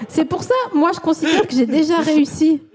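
Chatty vosges lady host, teasing, rambly, kinda high voice. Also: a little fast, a little mellow, a little hiss or hum. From Vosges, France. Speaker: podcast host. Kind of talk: casual chat.

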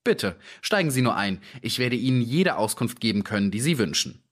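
Sherlock Holmes, read by a man, calm and assured. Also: medium pitch, natural voice. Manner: friendly, measured, self-assured. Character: calm, clever male detective, polite and assured.

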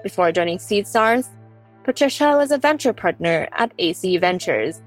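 Woman announcer reading a bio, even and formal, soft music underneath. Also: lowish voice, normal speed, low-quality recording. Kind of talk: scripted narration.

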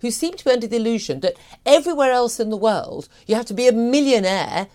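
A woman's voice: fairly high pitch, expressive, fast talker, a little mellow. A woman hosting a breakfast radio talk show, arguing her views forthrightly with frequent restarts. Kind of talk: opinionated talk radio discussion. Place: radio studio.

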